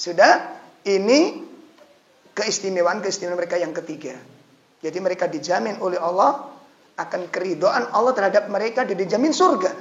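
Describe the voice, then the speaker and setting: High, gravelly man preaching in an echoey hall. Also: moderate pace, long pauses. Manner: animated, joking, switching into local dialect. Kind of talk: sermon. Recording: echoey, slightly dull lecture recording.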